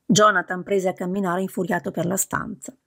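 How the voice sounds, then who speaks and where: A woman reading an audiobook novel in a steady, measured scripted narration. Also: fairly low pitch, gravelly. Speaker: audiobook reader.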